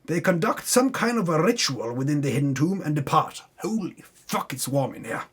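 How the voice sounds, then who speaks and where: Hosting a recap of a tabletop campaign, this man reads the story as animated, theatrical narration at a moderate pace. His voice is husky, fairly high and fairly bright, with big dramatic pitch swings, and he often stops to swear offhandedly at his own mistakes.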